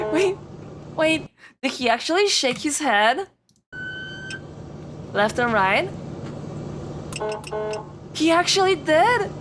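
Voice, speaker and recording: A woman's voice: high-pitched, sing-song, slow, pauses often, over music. A woman streamer giving casual live reaction commentary in a cute, playful anime-streamer manner.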